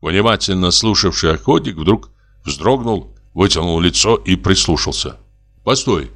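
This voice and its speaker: Expressive male narrator, low voice. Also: normal speed. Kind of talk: audiobook narration of a classic story.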